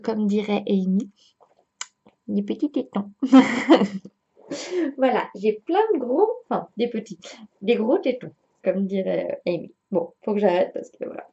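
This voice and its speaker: A woman's voice: medium pitch, lively intonation, unhurried, gravelly, long pauses, dark tone, highs cut off. A young woman chatting casually to camera on her knitting podcast, full of fillers and giggly asides.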